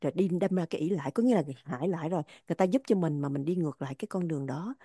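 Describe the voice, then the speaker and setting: A woman's voice: fairly low pitch, very fast, dark tone, no room sound, clean studio sound. A woman explaining religious poems in an earnest spiritual talk, repeating phrases for emphasis. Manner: earnest, repetitive, stressing words.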